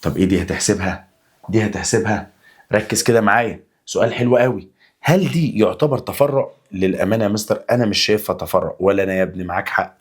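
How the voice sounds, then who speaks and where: A young man with an Egyptian Arabic accent and a fairly low, husky voice talks fast through an energetic chemistry exam review. Chatty and coaxing, he answers his own questions as though he were the student.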